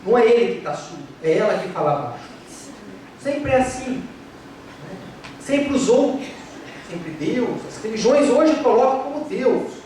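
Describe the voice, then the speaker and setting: Very animated and speaking a little slowly, a Brazilian doctor with a very high-pitched voice gives a lecture about spirituality and health, tossing out rhetorical questions and mimicking patients who complain. It was recorded at a distance in an echoey hall with a noisy background.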